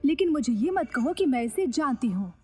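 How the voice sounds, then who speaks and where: A woman's voice: sits high, very animated, brisk, mellow, faint music behind. A woman dubbing a scornful rich young woman. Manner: haughty, contemptuous. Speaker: dubbing actress. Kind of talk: Hindi dubbed TV drama acting.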